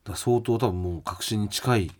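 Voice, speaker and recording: A man's voice: on the low side, moderate pace, slightly rough. A man hosting a radio talk show, chatting casually, reading out listener mail and teasing his co-host with frequent laughs. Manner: teasing, laughs often, animated.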